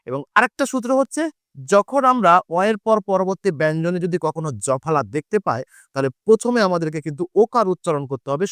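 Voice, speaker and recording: This is a man from Bangladesh teaching Bangla grammar for exams in a smooth, resonant, fairly high voice. He repeats rules, explains methodically, answers his own questions, and draws example words out slowly, all captured in a close, dry recording with minimal echo.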